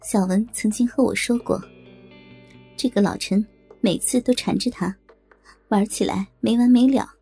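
A woman narrating a first-person audio story in a slow, teasing voice. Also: fairly high pitch, fairly even intonation, warm tone, slightly rough, soft background music.

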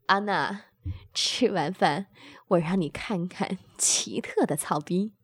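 A woman voicing a bold, pushy man by lowering and raising her voice in an adult audio story. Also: slow pace, slightly rough, no room sound, clean studio sound. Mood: bossy.

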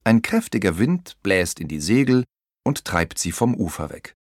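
A man narrating a children's audiobook in an expressive storytelling manner. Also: low-pitched, normal speed, dry recording, clean studio sound.

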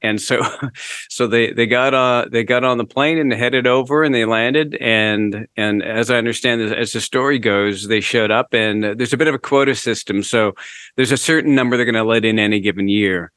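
A man's voice: mid-range voice, fairly even intonation, normal speed, fairly bright tone, no echo. Chatty Canadian man telling stories. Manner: chatty, laughs often, mimics others. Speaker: guest. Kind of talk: casual storytelling interview.

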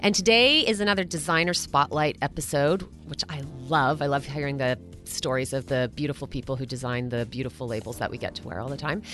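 A woman's voice: low-pitched, fairly bright tone. A woman hosting a podcast interview, upbeat and effusive. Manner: enthusiastic, effusive. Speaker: podcast host.

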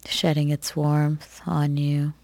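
A woman leads a guided meditation in a low, mellow voice. She speaks very slowly and gently, leaving long pauses between soft, soothing phrases. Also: completely flat delivery, dry recording.

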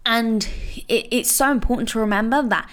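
A woman dog trainer gives casual advice in a chatty, reassuring, encouraging monologue packed with "you know" and "like." Her voice is a little high and fairly bright, at a moderate pace.

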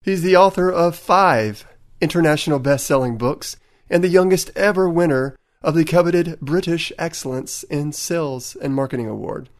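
A podcast host from Tennessee, USA, with a Southern accent interviews a guest on his sales podcast. His voice is fairly high in pitch with a darkish tone.

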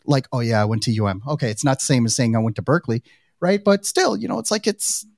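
A man's voice: medium pitch, big pitch swings, fast talker, creaky, dry recording, clean studio sound. A middle-aged man hosting a podcast interview, chatting casually with lots of "you know" and "right". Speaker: podcast host. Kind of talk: conversational interview.

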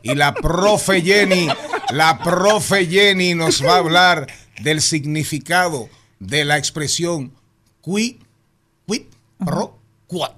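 A man's voice: fairly high pitch, slow pace, sharp tone. A man hosting a lunchtime talk show, teasing his co-hosts playfully. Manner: playful, teasing, laughing often. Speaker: host. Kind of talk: radio talk show banter.

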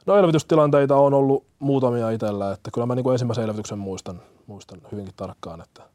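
A man's voice: medium pitch, warm tone, dry recording. A young man, a firefighter-paramedic from Kenya, answering interview questions earnestly with many fillers and restarts.

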